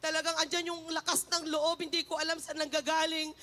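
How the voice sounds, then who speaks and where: A woman's voice: very high-pitched, little pitch movement, a little fast, bright, forceful tone. A woman giving an emotional church testimony to a congregation, fervent and often repeating a phrase of endearment to the listeners.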